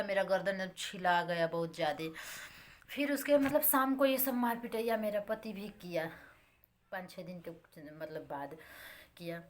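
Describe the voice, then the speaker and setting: A young woman vlogger recounts a personal story for her followers. Her voice sits at an ordinary middle pitch, and she tells it plainly, circling back over the same points and calling her viewers friends. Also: a bit bright.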